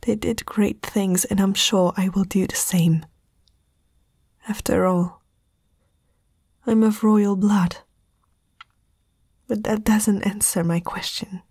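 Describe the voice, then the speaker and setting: In this whispered fantasy ASMR roleplay, a woman plays a haughty eighteen-year-old princess, proud and frightened, facing a nighttime intruder and sounding proud and puzzled. Her very breathy whisper comes slowly and haltingly, medium-pitched with fairly even intonation and heavily acted, recorded close and dry with no echo and a soft, dark tone.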